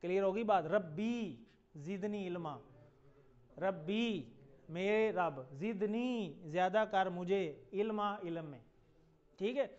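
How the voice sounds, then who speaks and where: A man teaching a classroom lesson, patiently repeating words slowly for his students to echo back. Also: high-pitched, lively intonation, a little mellow, dull audio. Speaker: Arabic teacher.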